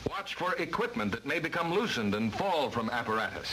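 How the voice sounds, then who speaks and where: A man's voice: medium pitch, big pitch swings, a little fast. An American man narrating a vintage 1950s-style instructional film from a script, with a formal, emphatic delivery. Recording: noisy vintage training film soundtrack.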